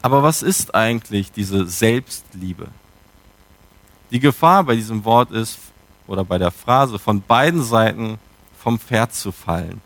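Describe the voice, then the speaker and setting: A man's voice: lowish voice, lively intonation, unhurried, fairly bright tone, no echo. A man preaching a sermon in a reflective, questioning way, with emphatic turns.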